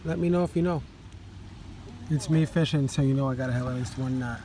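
A man's voice: medium pitch, a little fast, a little hiss or hum. A man in his forties, a father, casually narrating a fishing vlog into a phone held at arm's length, in a car and on a river dock, rambling with lots of ums. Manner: relaxed, rambling with many ums. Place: inside a parked car, then outdoors on a river dock. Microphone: phone camera at arm's length.

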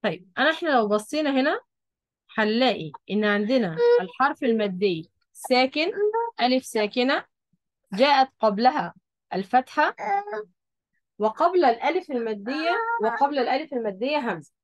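A woman's voice: on the high side, expressive, fairly quick, no echo. Woman with an Egyptian accent teaching. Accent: Egyptian Arabic. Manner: patient, repeats key points, checks understanding. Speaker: Quran recitation teacher. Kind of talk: explaining a lesson at a board.

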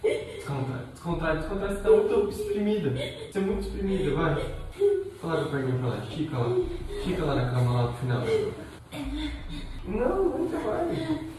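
A man's voice: on the high side, brisk, a little mellow. A young man with a Brazilian accent, teasing and coaxing, laughing often as he talks. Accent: Brazilian Portuguese. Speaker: vlogger's boyfriend. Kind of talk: casual vlog, speaking off-camera. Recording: roomy, distant from mic, background noise.

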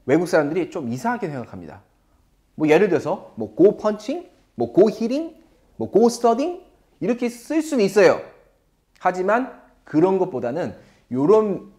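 A man teaching an English lesson to viewers in a playful way, asking them questions. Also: fairly high pitch.

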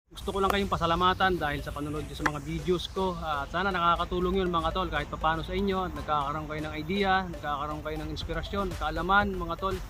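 Over background noise, a man in his thirties from the Philippines chats through job interview advice for his vlog viewers, whom he calls "tol." His voice is fairly high, and he delivers his warnings with emphasis.

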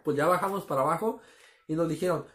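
A man's voice: on the high side, fast, a bit bright, reverberant. A man casually telling a story to his listeners, calling them friends and acting out the sound effects. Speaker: storyteller host.

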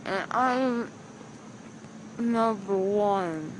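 A woman's voice: mid-range voice, very slow. A teenage girl speaking groggily and tearfully, her words muffled and slurred by a packed, bloody mouth after tooth surgery. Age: teenager, fourteen. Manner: groggy, childlike, tearful insistence. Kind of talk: casual chat. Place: outdoors, then inside a car. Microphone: phone held close. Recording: faint noise, handheld phone recording.

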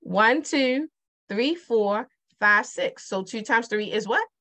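Her voice sits on the high side, expressive and a bit bright, and she moves at a slow pace. The middle-aged woman, who has a Baltimore accent, teaches multiplication casually over a digital whiteboard, chatting and putting her questions to the viewer again and again.

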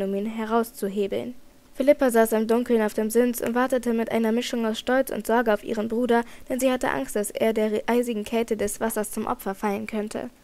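A woman reading a children's adventure novel aloud in even narration, with occasional slips she corrects. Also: fairly high pitch. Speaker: audiobook reader.

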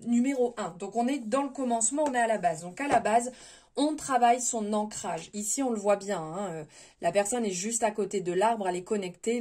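A woman giving a spontaneous spiritual tarot reading, gentle and advising, often hesitating and restarting her words. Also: a little high. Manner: hesitant, many fillers and restarts. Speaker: tarot reader.

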